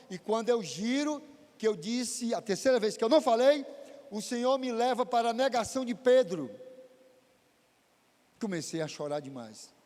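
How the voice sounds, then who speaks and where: A man's voice: a little mellow, big-room sound. A man preaching, telling a testimony in a dramatic, emotional way. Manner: emotional, dramatic storytelling with big pitch swings. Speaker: pastor. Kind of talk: sermon testimony. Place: church.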